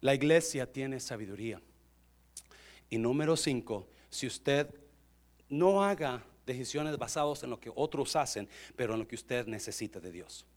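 A male pastor preaching an animated, joking sermon and addressing the congregation directly. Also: mid-range voice, moderate pace.

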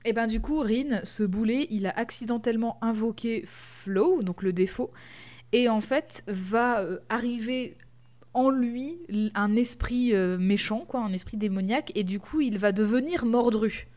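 A woman's voice: a little high, unhurried, darkish tone. A woman co-hosting a casual chat, explaining a comic series with many fillers and restarts. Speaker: podcast co-host.

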